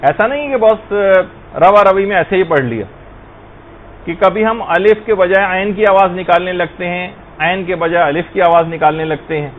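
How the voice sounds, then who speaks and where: High-voiced man teaching religious lesson. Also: phone-quality sound, a little hiss or hum. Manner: patient, explains step by step with examples.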